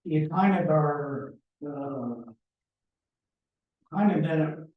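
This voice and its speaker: A middle-aged candidate for town administrator talks informally at a town meeting, explaining loosely and hesitantly with many restarts, his voice a little high and his words drawn out. A distant room mic captures him, leaving the recording echoey, far-off, and dull.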